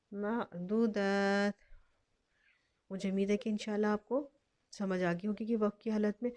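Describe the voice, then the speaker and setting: A woman teaching Quran recitation, slowly sounding out each word twice and explaining every step patiently. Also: mid-range voice, mellow. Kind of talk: slow step-by-step lesson.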